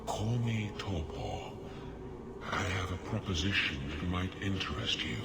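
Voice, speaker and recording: A man's voice: sits low, unhurried. A man playing a languid, scheming demon of sloth in a video game, drawling his offers without hurry. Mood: sly, unhurried. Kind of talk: video game character acting. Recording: echoing, with loud background noise.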